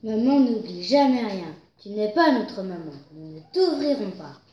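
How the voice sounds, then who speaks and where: A woman voicing three young children teasing their mother and refusing to open the door, in a slow, sing-song way. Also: medium pitch, very animated. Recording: dull, roomy recording.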